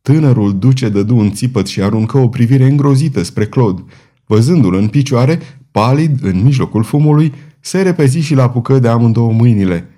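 A male audiobook narrator with a warm, mellow tone. He reads a novel in a measured, dramatic way at a middle pitch. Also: expressive. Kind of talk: scripted narration.

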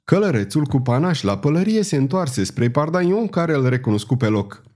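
A man narrating a historical novel as an audiobook in a measured, expressive way. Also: mid-range voice.

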